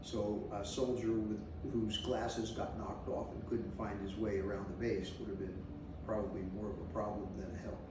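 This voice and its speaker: Recalling his past, this interviewee from New Jersey, USA, is in his 60s and speaks in a lowish, level tone, drifting and pausing throughout an unscripted oral-history recollection. His voice is picked up by a distant mic in an echoey room with slight background noise.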